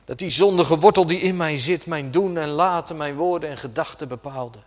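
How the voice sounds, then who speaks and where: A man preaching a sermon slowly and dramatically, dropping suddenly to a hush at times. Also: fairly high pitch. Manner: slow, dramatic preaching with sudden soft drops. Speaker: pastor. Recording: long church reverb.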